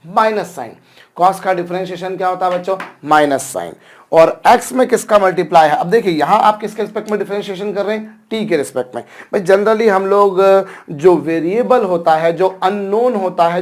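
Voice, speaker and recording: Higher-pitched male teacher quizzing students. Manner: addresses students repeatedly, asks and answers his own questions. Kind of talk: classroom lecture.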